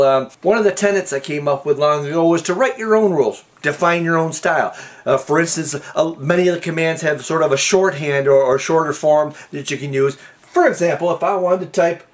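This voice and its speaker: Folksy man explaining code, higher voice. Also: slight background noise. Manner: folksy and rambling, with many restarts and fillers. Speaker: programming tutorial host. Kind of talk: casual screen-recorded coding lesson.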